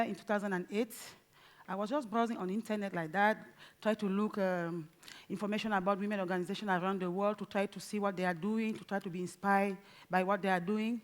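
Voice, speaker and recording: Pausing in the middle of phrases, a Cameroonian-accented woman in her forties gives an earnest, measured talk on a conference stage. Her voice sits in the mid range.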